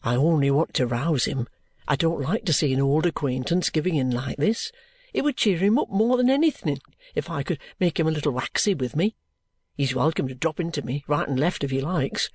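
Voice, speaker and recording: A woman's voice: low voice, expressive, fairly quick, a little mellow, slightly rough, no echo, voice pushed down. A woman voicing a bluff, good-humoured male police inspector in an audiobook, cajoling heartily in colloquial speech. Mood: concerned. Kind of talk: audiobook character acting.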